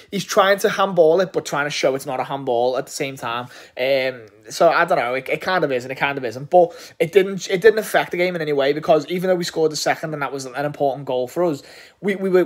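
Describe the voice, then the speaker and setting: Excitable English football fan, rambling. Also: male voice, fairly high pitch. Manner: enthusiastic, rambling, frequent swearing and restarts. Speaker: football fan reviewing a match. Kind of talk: casual post-match reaction.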